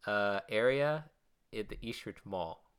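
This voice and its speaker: A man's voice: on the low side, expressive, measured pace, fairly bright tone, clean tone. A young man in casual chat who rambles and hesitates, often restarting his sentences.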